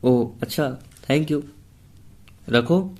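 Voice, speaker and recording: A man's voice: medium pitch, measured pace, a little mellow, close to an everyday voice. A man voicing a heartbroken young woman who snaps back bitterly. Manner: bitter and hurt, snapping back. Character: heartbroken young woman, tearful and sharp-tongued.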